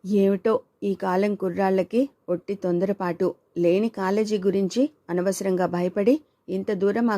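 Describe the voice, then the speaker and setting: Female audiobook narrator, mellow, dry booth sound, voices the dialogue herself. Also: medium pitch, no echo. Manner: reads all characters, male and female, in her own voice.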